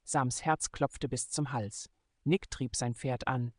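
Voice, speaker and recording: A man reading a German adventure novel aloud in steady, measured scripted narration. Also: mid-range voice, no room sound, studio quality. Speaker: audiobook narrator.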